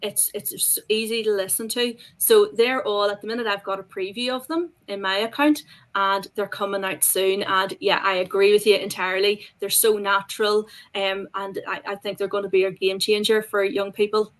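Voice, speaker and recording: A woman talks through a webinar in an enthusiastic, chatty way. Her voice sits at a middle pitch. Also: steady tone, moderate pace, fairly bright tone. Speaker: education guest speaker. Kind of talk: casual webinar discussion.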